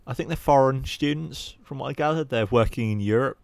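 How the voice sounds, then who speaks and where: A man's voice: medium pitch, a little fast, creaky, clean tone, no echo. A young man, by the sound of his talk, reviewing a horror sequel in a casual chat, candid and rambling, swearing now and then. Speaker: podcast co-host.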